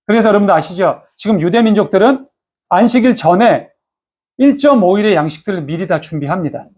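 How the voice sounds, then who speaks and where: A man's voice: sits high, expressive, a little fast, a little mellow. A male pastor giving a Sunday sermon in a conversational, storytelling way, often turning to address the congregation. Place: church.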